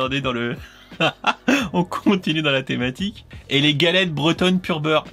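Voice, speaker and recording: A man's voice: mid-range voice, fairly bright tone. A man from France chatting casually as he opens fan mail on camera, teasing and playful, often restarting his sentences and breaking into laughter. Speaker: YouTube creator opening fan mail. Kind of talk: casual unboxing chat.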